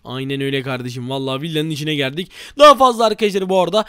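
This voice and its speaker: A young man hosting a game role-play video, excitable and teasing, constantly talking to his viewers. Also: a little high, very fast, smooth, dry recording, clean studio sound. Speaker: gaming channel host. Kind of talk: role-play gameplay commentary.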